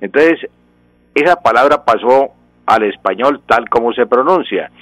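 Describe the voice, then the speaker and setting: A man's voice: mid-range voice, lively intonation, a little slow, fairly bright tone, no echo, low-quality recording. A man from Colombia, a professor explaining language on a radio talk show in a didactic way, with frequent restarts and examples. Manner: didactic, gives examples, frequent self-corrections.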